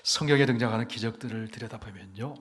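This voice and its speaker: A male pastor preaching a sermon. He swings from loud, emphatic declarations to hushed, almost whispered lines, and he calls on the congregation to say amen and repeat after him. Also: mid-range voice, quick pace, long reverb tail. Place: church sanctuary.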